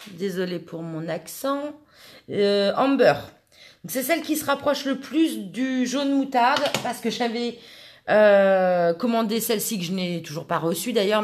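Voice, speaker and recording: A woman's voice: a little high, echoey room. A woman hosting a scrapbooking tutorial, talking casually and hesitantly with many fillers while she works at her craft table. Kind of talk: casual step-by-step craft demonstration.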